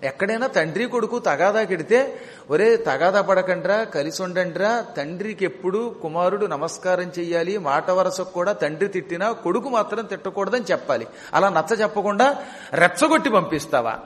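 A man voicing a grieving queen who laments her husband and reproaches her co-wife, in a high voice with long hall reverb. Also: expressive, fairly quick, a bit bright. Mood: reproachful.

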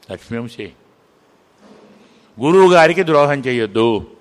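A man's voice: mid-range voice, a bit bright. A man telling an epic story in a devotional sermon, dramatic and often questioning his listeners. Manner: questioning the audience, dramatic retelling. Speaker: religious discourse speaker. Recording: reverberant hall.

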